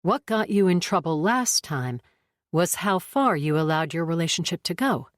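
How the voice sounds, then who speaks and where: A woman narrator voicing a calm female therapist who keeps an even tone and asks probing questions. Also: on the low side, normal speed, dry recording, clean studio sound, close to an everyday voice.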